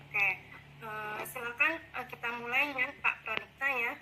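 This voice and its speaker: A woman's voice: a little high, fairly even intonation, a little slow, sharp tone, slight background noise, low-quality recording. A woman acting as coach in a coaching role-play, speaking politely and encouragingly, with frequent affirmations. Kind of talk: role-played coaching session.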